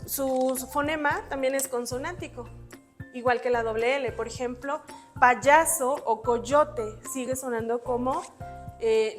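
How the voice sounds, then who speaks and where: A woman giving an exam-prep spelling lesson, patiently explaining rules step by step with examples while writing on a board. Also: high-pitched. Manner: writes on a board while talking. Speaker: spelling teacher.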